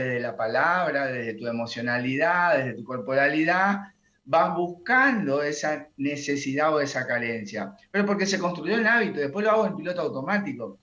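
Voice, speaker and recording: A man, a coach and guest, talking in a reflective, unhurried way and often adding a questioning tag. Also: a little high, fairly bright tone, echoey room, dull audio. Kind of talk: reflective conversation.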